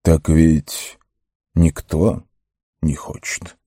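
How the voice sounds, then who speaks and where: A man voicing a grave, wise old male wizard who speaks in a measured way. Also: sits low, animated, warm tone, no room sound, clean studio sound, heavily acted.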